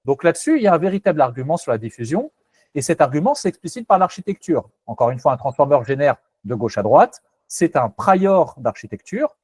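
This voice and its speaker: A man's voice: fairly high pitch, very animated, fairly quick, a little mellow, breathy edge, dry recording. A man presenting a technical webinar, hesitant and self-correcting, candid and skeptical in tone.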